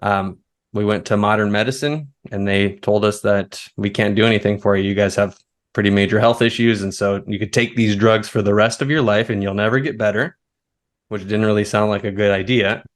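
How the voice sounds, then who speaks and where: A man in his thirties speaks as a podcast guest with a lowish voice. He tells his stories in a relaxed, rambling way. His delivery stays easygoing throughout. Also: a little fast. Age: 30s. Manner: relaxed, storytelling, now and then laughing. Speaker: guest, foraging expert. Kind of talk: conversational interview.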